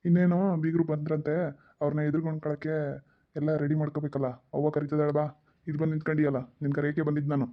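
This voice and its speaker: A henpecked cartoon village father with a slightly high voice, joking one moment and whining for respect the next, voiced by a man. The audio is a bit dull and lo-fi. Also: flat delivery, rapid-fire, close to an everyday voice. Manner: joking, whiny, pleading. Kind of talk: cartoon voice acting.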